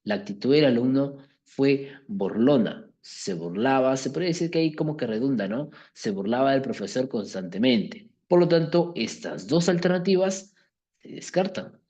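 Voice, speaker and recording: Male teacher with a lively, swooping voice. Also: mid-range voice, moderate pace. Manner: keeps checking understanding with tag questions. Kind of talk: explaining a language exercise to a class.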